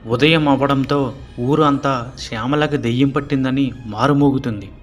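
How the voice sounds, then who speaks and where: A man narrating a horror story in a steady storytelling manner. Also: medium pitch, moderate pace, faint music behind.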